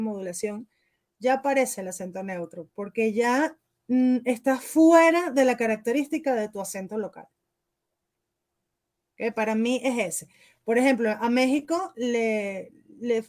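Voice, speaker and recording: A woman's voice: a little high, a little mellow. A Venezuelan woman, a voice actress and dubbing teacher, explaining her craft in an interview and often checking in with "¿ok?". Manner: explanatory, peppers speech with "¿ok?". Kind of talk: interview answers.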